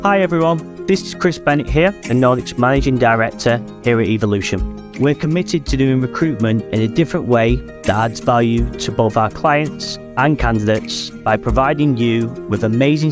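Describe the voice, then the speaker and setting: A man, the managing director, reading an upbeat promotional message for the show. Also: medium pitch. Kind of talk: scripted promo read. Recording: lo-fi audio with music bed.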